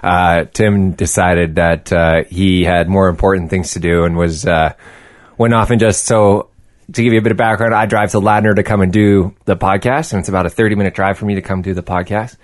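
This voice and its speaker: A man's voice: low voice, steady tone, fairly quick, no room sound, clean studio sound. A man hosting a casual podcast, chatting in a joking, teasing, sweary way. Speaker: podcast host.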